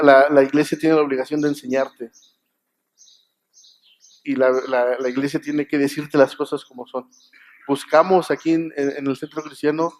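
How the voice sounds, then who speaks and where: A man with a Mexican Spanish accent delivers a Sunday sermon in a church. His voice sits high for a man, and he speaks conversationally, stopping to ask the congregation if they agree. He often restarts and repeats words. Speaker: preacher.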